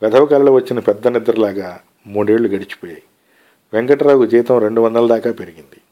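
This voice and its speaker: A man narrating a short story aloud in a calm, measured storytelling manner. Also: mid-range voice, dull audio. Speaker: story reader.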